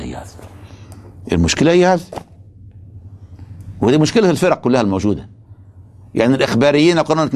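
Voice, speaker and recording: A man's voice: medium pitch, a little mellow. A man giving a religious philosophy lecture, emphatic and stopping often to ask his students rhetorical questions.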